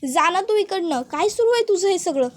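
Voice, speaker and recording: A woman voicing a frightened but defiant young woman who cries out in shrill pleas. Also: animated, normal speed.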